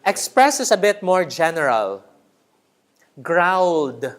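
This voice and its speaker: A man's voice: fairly high pitch, big pitch swings, slow pace, fairly bright tone. A man training a writing workshop in a room, teacherly, repeating key words and checking in with the group. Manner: teacherly, checks in with "right?" often.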